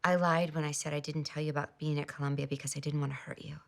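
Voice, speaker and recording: A bold, breathy seductress. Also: female voice, low-pitched, little pitch movement, quick pace. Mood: seductive. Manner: breathy, teasing, whispered seduction. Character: bold seductive woman, former flame of a lawyer.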